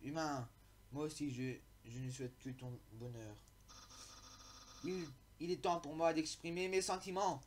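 A man's voice: fairly high pitch, steady tone, unhurried, slight background noise, lightly acted. A man reading the lines of a vain, boastful skeleton in a pompous, theatrical way. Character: vain, boastful skeleton, grandly self-important.

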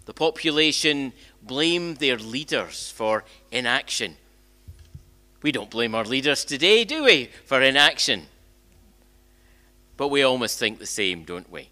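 An older male minister preaches a conversational sermon in a church sanctuary, speaking into a gooseneck lectern microphone. His mid-range voice is pushed and bright, and he often restarts and repeats phrases while posing rhetorical questions.

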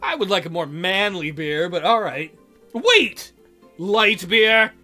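A man reads a visual novel aloud for a let's-play, joking, theatrical, and often giggling as he adds playful commentary. His voice is high-pitched with a sharp tone and lively intonation, and he speaks at a slow pace. Music plays under his voice.

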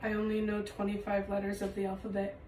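A woman's voice: mid-range voice, monotone, fast talker, darkish tone, reverberant. A young adult woman telling jokes casually in short setups and punchlines. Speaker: comedian telling dad jokes. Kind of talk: casual joke-telling skits. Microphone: phone camera a few feet away. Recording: noisy phone video, distant mic.

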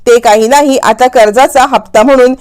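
A woman's voice: a little high, fairly even intonation, moderate pace, a little mellow, clean tone, lightly acted. A woman voicing pushy male loan collectors demanding overdue payments. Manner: demanding, brusque.

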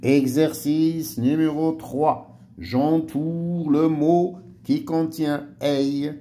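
A man teaching a primary-school French lesson, slowly spelling out syllables and letters for young pupils. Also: on the high side, fairly even intonation, warm tone.

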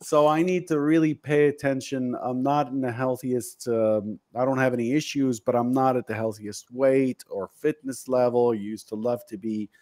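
Speaking at a moderate pace with hardly any pauses, a man in his fifties hosts a relaxed video call from his home office on a studio mic. His medium-pitched voice is a little mellow, with fairly even intonation, as he discusses his goals earnestly and with some self-deprecation.

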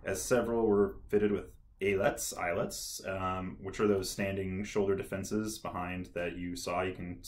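A young man with a low voice hosts a history video, talking casually to camera in an unhurried way with few pauses. He's relaxed, with lots of ums and uhs and a nerdy enthusiasm. He sits in a small indoor room against a dark backdrop.

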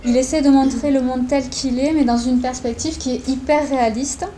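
A woman's voice: high voice, fairly even intonation, normal speed, mellow, slight background noise. Hesitant woman introducing a guest speaker. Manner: hesitant, many fillers and restarts. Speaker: academic presenter at a conference. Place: lecture room with students.

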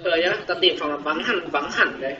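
A man's voice: fairly high pitch, fairly quick, sharp tone, echoey room, dull audio, slight background noise. A man talking offhandedly with friends in a gaming chat.

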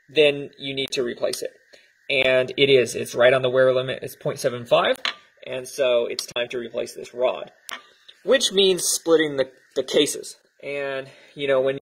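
A man's voice: mid-range voice, gravelly, husky, rough recording. Man casually explaining an engine teardown. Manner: relaxed, explains step by step with many ums. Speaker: motorcycle vlogger. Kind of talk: casual hands-on tutorial.

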